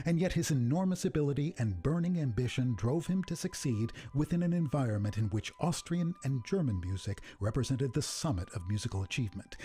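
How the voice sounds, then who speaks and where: Measured man narrating a music history. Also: mid-range voice. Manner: measured, even storytelling delivery. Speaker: program narrator. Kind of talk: scripted documentary narration.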